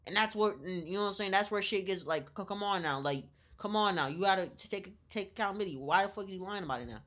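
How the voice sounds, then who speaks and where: A woman's voice: mid-range voice, lively intonation, fast talker, a bit bright. A woman streaming on camera, reacting to a video in loose slang with lots of repeated words, talking straight to her viewers. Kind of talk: casual live-stream reaction commentary.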